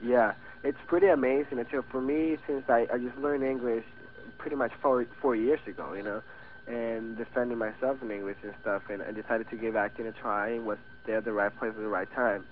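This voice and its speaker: A man's voice: mid-range voice, fairly even intonation, a little fast. An eighteen-year-old man with a Venezuelan Spanish accent, a native Spanish speaker, talking casually and hesitantly in an interview, with many restarts. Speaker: guest actor. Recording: tinny phone-like radio audio with faint hiss.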